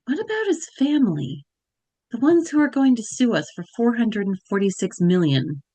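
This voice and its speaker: A woman reading a deadpan male FBI agent. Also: on the high side, normal speed, dry recording. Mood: dry. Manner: dry, deadpan wit. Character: wry male FBI agent, dry and quick. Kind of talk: dramatic script reading.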